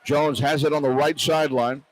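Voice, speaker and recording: Courtside in a large indoor arena, an American man calls basketball play-by-play for live radio in terse, clipped phrases. His voice runs on the high side, steady and moderately paced. The audio is poor, with clear arena ambience and noise in the broadcast.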